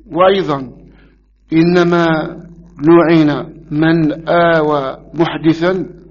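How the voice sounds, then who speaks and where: A man giving a religious lesson, explaining a hadith in a measured, explanatory way and stressing key words. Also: fairly high pitch, lo-fi sound. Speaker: hadith teacher.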